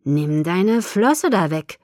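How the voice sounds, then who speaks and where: A cocky teenage werewolf boy who teases and pushes, speaking up loudly in a storybook reading, as a woman reads him. The voice sits fairly low and dry, close to the mic. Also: animated, brisk, dry recording. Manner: pushy, teasing, raised voice. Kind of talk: audiobook character voice.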